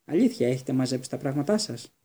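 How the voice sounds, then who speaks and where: A man voicing a stern, bustling mother of many children in an audiobook, scolding and strict, with a husky, mellow voice. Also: medium pitch, expressive, natural voice.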